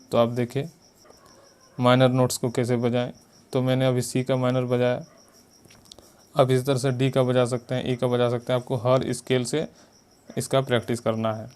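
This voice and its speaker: Over loud piano playing, a man from India walks a student through a music lesson one step at a time. His mid-range voice is clear and resonant, and he patiently goes over finger counts and note names again and again.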